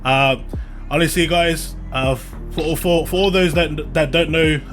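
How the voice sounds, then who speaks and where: A man hosting a podcast in casual, earnest, slangy talk, often halting and repeating words. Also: a little high, fairly even intonation, fairly bright tone, soft background music. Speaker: podcast host. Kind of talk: casual chat.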